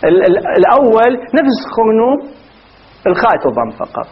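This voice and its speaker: Male teacher, high and husky, who drags out key words and quizzes his students, on a dull lo-fi recording. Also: sing-song. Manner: drawn-out, repeats key words, asks the class then answers himself. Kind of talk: seminary text lesson.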